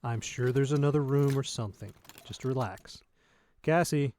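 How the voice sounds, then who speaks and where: A man acts as a brash, practical salvage crewman in a sci-fi audio drama. He has a mid-pitched voice and a sarcastic, dismissive way of talking. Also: normal speed, a little mellow, a little hiss or hum, close to an everyday voice. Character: brash, dismissive, money-minded male spaceship salvage worker. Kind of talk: science fiction audio drama.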